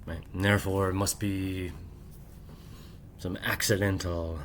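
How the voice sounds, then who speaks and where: A low, level voice, a little slow, comes from a middle-aged man talking alone to camera late at night for his channel, with slight hiss or hum on the track. He rambles, says "right?" again and again, and stays hushed because his family is sleeping.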